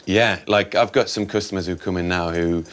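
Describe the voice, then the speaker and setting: Male barista, very low voice, easygoing, hesitant explanations. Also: a little fast. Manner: relaxed, hesitant with fillers. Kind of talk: casual interview. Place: coffee shop.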